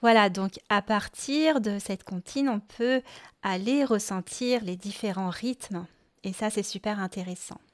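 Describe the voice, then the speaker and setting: Slow-speaking French woman teaching music. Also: mid-range voice. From France. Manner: slow, gentle explaining, sings short nursery rhymes. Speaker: music teacher and podcast host. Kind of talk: podcast lesson addressed to parents.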